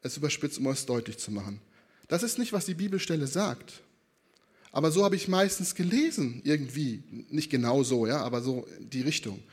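A man's voice: mid-range voice, a little fast, husky. A man preaching a sermon in a conversational way, often checking in with his listeners. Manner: conversational, with frequent tag questions and lively re-enacted quotes.

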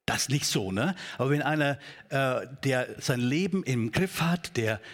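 A man preaching a sermon in a church, talking in a conversational, halting way with many fillers. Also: mid-range voice, animated. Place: church hall.

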